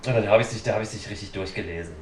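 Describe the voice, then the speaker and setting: A man's voice: on the low side, racing, far from the mic. A man in casual chat, telling stories bluntly and dramatically with acted-out quotes. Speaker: podcast guest. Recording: roomy sound from off the mic, faint noise.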